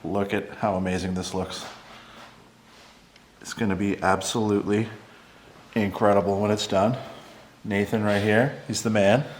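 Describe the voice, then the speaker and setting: A man's voice: fairly low pitch, fairly even intonation, measured pace, long pauses, slight background noise. Enthusiastic man vlogging casually. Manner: upbeat, enthusiastic, many fillers. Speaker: drummer and channel host. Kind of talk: casual vlog chat. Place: outdoors in cold weather at a farm shop; his home studio.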